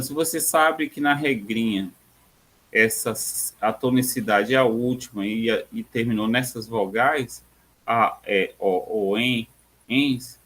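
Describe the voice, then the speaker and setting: Man, Brazilian Portuguese accent, teacher, recorded lesson, hesitant, filler pauses, mid pitch. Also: fairly bright tone. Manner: hesitant, many filler pauses, spells out examples slowly. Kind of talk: recorded remote grammar lesson.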